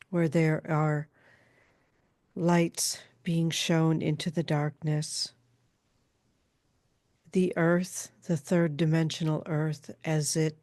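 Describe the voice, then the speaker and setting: A woman with a deep voice channels a calm female spirit in a trance, like a seance medium. Her pronouncements come out formal, halting and measured, and the recording is dry.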